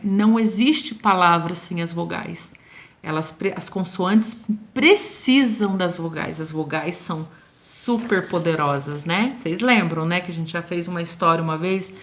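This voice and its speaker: Brazilian woman teacher, patient and unhurried, spells words out slowly and keeps checking the kids follow. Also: on the low side. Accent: Brazilian Portuguese. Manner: patient, slow and drawn out, checks in constantly with "tá bom?". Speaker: schoolteacher. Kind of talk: recorded remote lesson correcting homework.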